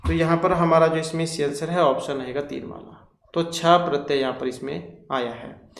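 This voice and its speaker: A man's voice: on the high side, fairly even intonation, normal speed, vocal fry, slight background noise. Man teaching in an echoey room. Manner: explains step by step, lists terms in runs. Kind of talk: exam-prep grammar lesson.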